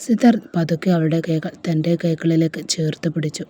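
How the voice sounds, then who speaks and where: A woman narrating a romance story in a slow, measured storytelling voice. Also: low voice, mellow, slightly rough.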